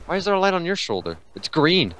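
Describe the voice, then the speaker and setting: A young man casually commentating his online gameplay, excitable and joking, often yelping when he gets a kill. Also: a little high, fast talker, lo-fi sound. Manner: excitable, yelps and jokes. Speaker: gamer. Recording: game music behind.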